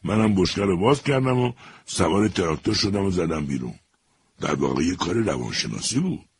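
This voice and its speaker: A slow, drawn-out prisoner, voiced by a man with a very low, deep voice. He talks in a self-pitying way, stretching his words as he pleads his case. A faint hiss sits behind him. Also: animated. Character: slow-talking unshaven male prisoner feigning madness.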